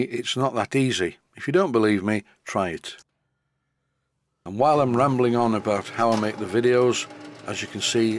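An older man with a softened northern English accent, narrating an unscripted workshop tutorial voice-over in a relaxed way with a slight stutter, into a high-end studio microphone. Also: slight background noise. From northern England. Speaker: model engineering tutor.

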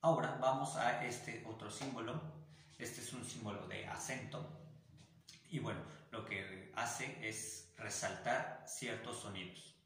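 A man's voice: lowish voice, slow pace, a bit bright. A man with a Mexican Spanish accent teaching an online music theory class, explaining patiently and singing syllables to demonstrate articulations. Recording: very echoey room, faint noise.

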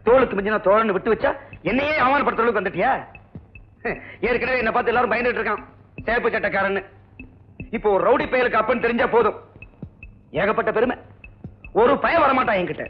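A man's voice: very high-pitched, quick pace, long pauses. A stern middle-aged lawyer father scolds his son in blustering outbursts. It is 1980s film dialogue on a dull, muffled soundtrack. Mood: scolding.

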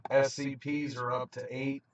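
A man's voice: mid-range voice, little pitch movement, measured pace, a little hiss or hum. A man who chases storms, explaining weather radar to viewers in an informal video, recorded on a handheld camera. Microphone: handheld camera, away from the mouth. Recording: roomy, dull, distant handheld camera mic.

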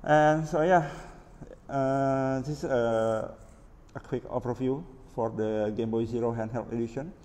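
Seated at a wooden table indoors with only his hands in frame, an Indonesian-accented man walks through his homemade electronics project without a script. His mid-range voice is steady, measured and slightly mellow, and the room is reverberant with some background noise.

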